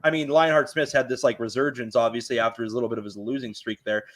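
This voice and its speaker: A man's voice: mid-range voice, fairly even intonation, fast, a bit bright. A man with a Canadian accent hosting a podcast, talking fights in an eager, rambling way. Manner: eager, rambling fan talk. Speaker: podcast host. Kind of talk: casual sports chat.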